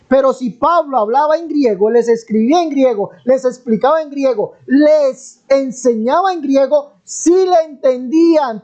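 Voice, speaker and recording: A Colombian man with a Colombian Spanish accent teaches the Bible in a live online debate, pressing his point and insistently repeating his question in a preachy, emphatic manner with drawn-out stresses. His voice is extremely high and darkish, and the recording's highs are cut off.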